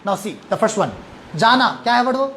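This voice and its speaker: A man's voice: sits high, animated, measured pace, fairly bright tone, a little hiss or hum. A male English teacher, giving a classroom lesson. He drills words, repeats them and asks the class questions. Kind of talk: classroom lesson mixing English and Hindi-Urdu.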